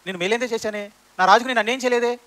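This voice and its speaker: A hunted young man protests his innocence in pleading questions, as a preacher acts him out. The delivery is quick and high, with a bright edge. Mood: aggrieved.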